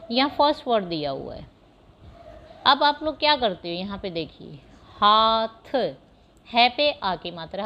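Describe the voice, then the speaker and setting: A woman teaching young children Hindi vowel signs, patiently explaining step by step and sounding out words slowly. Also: a little high, muffled recording. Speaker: primary school teacher. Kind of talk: Hindi phonics lesson over slides.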